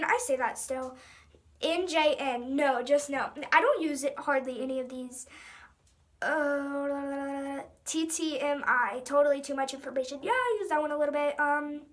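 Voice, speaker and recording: A ten-year-old girl talking casually to the camera and reading aloud, with a dramatic, self-mocking manner. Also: sits high. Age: child, ten years old. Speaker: young vlogger. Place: small room at home, indoors.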